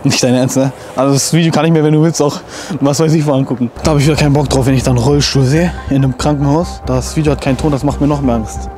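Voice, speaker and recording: A man's voice: mid-range voice, steady tone, fast, music in the background. A young man hosting a casual reaction vlog outdoors in a forest at night, joking nervously with street slang, recorded on a handheld camera. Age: young adult. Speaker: reaction video host. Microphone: handheld camera held by a friend.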